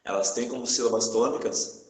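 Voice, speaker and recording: A male teacher gives a lesson in a classroom with plenty of room echo. His pitch sits in a medium range. He pauses again and again to check that his students are following. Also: darkish tone. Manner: checks in often with the class, asking "tá?". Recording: echoey room.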